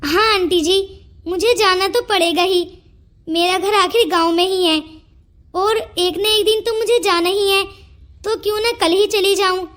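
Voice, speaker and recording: A woman's voice: very high-pitched, fairly even intonation, measured pace, fairly bright tone. A woman voicing a shy, humble village girl in a cartoon story who speaks politely and apologetically.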